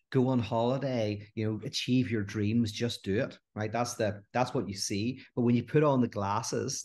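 A middle-aged man, a guest philosopher in an animated podcast conversation who acts out the voices in his anecdotes. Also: on the low side.

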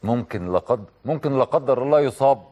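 A man's voice: medium pitch, expressive, fast talker, highs cut off. A man with an Egyptian accent hosting a TV talk show, delivering an impassioned studio monologue full of rhetorical questions and direct appeals.

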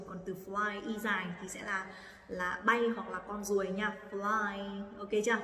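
A woman teaching English phonics with a Vietnamese accent, drilling words slowly and checking that students follow. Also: mid-range voice, a bit bright. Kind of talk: phonics lesson, slow drilled pronunciation. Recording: echoey room, distant from the mic.

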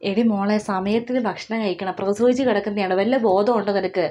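A woman playing a fast-nagging scolding mother. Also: mid-range voice, fairly even intonation, dark tone, lightly acted. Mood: stern. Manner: scolding, nagging, rapid-fire questions. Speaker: mother of a new mother. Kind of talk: comic family skit.

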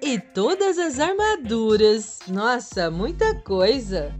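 A Brazilian woman speaks in a high, squeaky, bright sing-song voice that swoops widely. She takes her time, gushing in little diminutives as she hosts a game channel for small children. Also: big pitch swings, slow pace, faint music behind. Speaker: children's gaming channel host. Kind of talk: gameplay commentary for young children.

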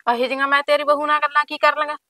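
A woman's voice: high voice, little pitch movement, very fast, bright, forceful tone, no room sound. A woman with a Punjabi accent playing a defensive, gossipy neighbour.

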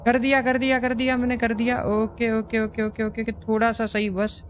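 A man's voice: extremely high pitch, completely flat delivery, moderate pace, a bit bright, a little hiss or hum. A young man giving nervous horror game commentary, jumpy and repeating words when scared. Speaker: gaming host.

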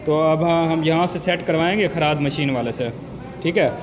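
In his thirties, this mechanic walks viewers through fixing a truck's brake valve in his workshop, speaking at a moderate pace in a voice on the high side. He repeats "theek hai" to check in and sprinkles in inshallah, mashallah and similar Islamic phrases. The recording is dull, with crowd noise behind him.

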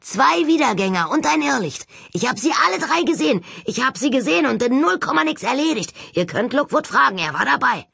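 A woman voicing a boastful, excitable teenage boy who brags in a quick rush. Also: medium pitch, gravelly, husky, no echo, clean studio sound, pitched above the performer's own voice, heavily acted. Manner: excited, bragging, rapid.

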